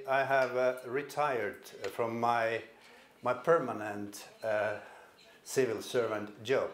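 Standing at a podium microphone in a conference hall, an older man from Finland gives a presentation in Finnish-accented speech. His delivery is halting, with words repeated whenever he restarts, and his pitch is medium. Slight background noise can be heard.

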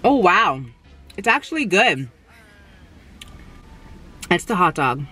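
A young woman from Canada reviewing fast food in a casual mukbang while she eats in a parked car, humming appreciatively between bites. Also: fairly low pitch, sing-song, pushed and bright, slight background noise. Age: young adult. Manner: chatty, eating between remarks, lots of appreciative hums. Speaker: food vlogger. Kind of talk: casual mukbang tasting chat. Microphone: camera on the dashboard.

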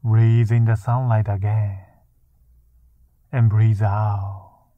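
A man with a fairly low, soft and hushed voice guides a meditation. He speaks very slowly and soothingly, with long pauses between phrases. The recording is close and dry but narrow and muffled, like a phone line. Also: flat delivery, no room sound. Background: music.

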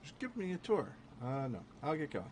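Animated man commenting casually on gameplay. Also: on the high side, brisk. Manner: muttering short remarks to himself. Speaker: game streamer. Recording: clearly noisy, game sounds behind. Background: video game ambience.

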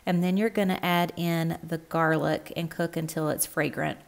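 Cooking vlog host, woman, slightly low voice, friendly step-by-step delivery. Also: steady tone, moderate pace, vocal fry. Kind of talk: cook-along voice-over narration.

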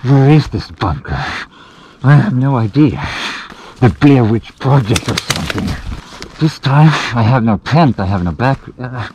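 Man muffled by a gas mask, slow-talking. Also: medium pitch, expressive, warm tone. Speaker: vlogger. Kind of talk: casual outdoor adventure vlog talk to camera. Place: outdoors in a forest. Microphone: action camera at arm's length. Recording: muffled gas mask, noisy outdoor handheld camera.

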